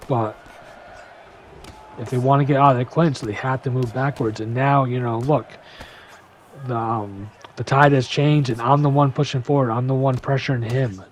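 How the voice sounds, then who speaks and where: A young man giving a casual gameplay breakdown, full of "you know" fillers and sometimes rushing to keep up with the action. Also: medium pitch, fairly even intonation, a little hiss or hum. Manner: casual, filler-heavy, talks fast to keep up. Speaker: gaming YouTuber.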